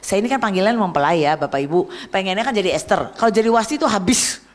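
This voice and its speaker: A woman evangelist preaching a sermon, emphatic and lively, often asking her congregation to agree, dropping to a soft voice for prayers. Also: mid-range voice, quick pace. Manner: acts out prayers and quoted speech in a softer voice.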